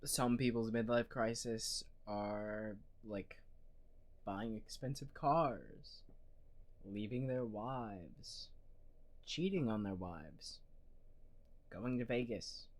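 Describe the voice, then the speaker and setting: Male streamer, sarcastic reaction commentary, relaxed slow delivery. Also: lowish voice. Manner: dry, sarcastic, swears casually. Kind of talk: casual live-stream commentary.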